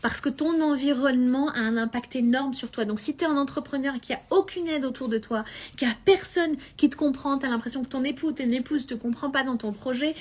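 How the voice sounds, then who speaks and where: Woman, business coach, live stream, high-pitched, animated, mixes in English phrases. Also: brisk.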